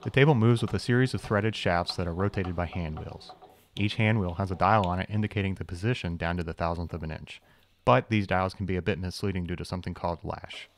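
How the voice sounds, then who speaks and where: A young machinist who hosts a channel narrates a scripted voice-over tour of his shop, explaining the machines with dry, wry humor and self-deprecating asides. His voice is deep, with no echo.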